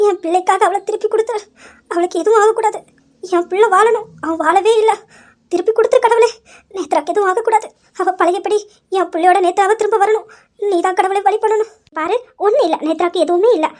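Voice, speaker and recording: A woman voicing a loving middle-aged mother who soothes and reassures her crying son in an audio drama. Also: very high-pitched. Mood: praying, distraught. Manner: soothing, pleading. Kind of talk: amateur audio drama acting.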